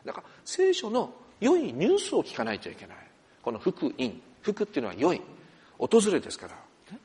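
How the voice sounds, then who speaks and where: Male senior pastor, sermon delivery, animated storyteller with a lively pitch, church hall. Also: a little fast. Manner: expressive storyteller, animated asides. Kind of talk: sermon with opening prayer.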